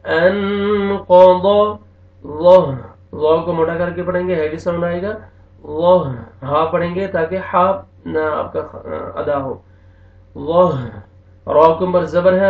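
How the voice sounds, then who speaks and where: A man teaching Quran recitation online, drawing out each word slowly and then explaining the rules quickly. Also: fairly high pitch, gravelly. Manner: slow drawn-out recitation alternating with quick explanations. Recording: echoey, distant, tinny phone-like sound.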